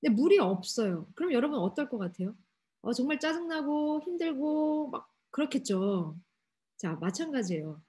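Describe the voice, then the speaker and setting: A woman youth pastor giving a lively sermon to teenagers, asking them many questions and acting out quotes. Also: high-pitched, normal speed. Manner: asks the audience many questions, acts out quotes animatedly. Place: church hall.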